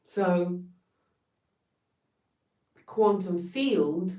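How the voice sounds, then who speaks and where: A woman's voice: fairly low pitch, extremely slow, warm tone. A woman from Poland with a Polish accent giving an emphatic, blunt motivational talk on a live stream, swearing now and then for emphasis. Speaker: wellness coach. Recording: roomy sound, distant from mic.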